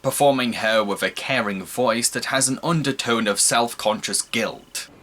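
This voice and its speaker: A man reading a scripted review as the narrator, in a measured, explanatory style. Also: medium pitch, bright, forceful tone.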